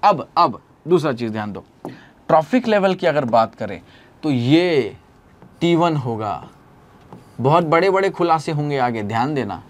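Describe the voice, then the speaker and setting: A man's voice: a little high, a little slow. A young man with an Indian accent teaching biology in a classroom lecture, asking questions and answering them for his students. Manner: lively, swings from loud to soft.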